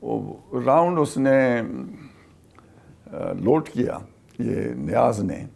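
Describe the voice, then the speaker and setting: Older man, retired officer, gravelly mid-pitched voice, slow halting storytelling in an interview. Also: darkish tone. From Pakistan. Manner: halting, deliberate storytelling with many pauses. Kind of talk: recounting a wartime memory in an interview.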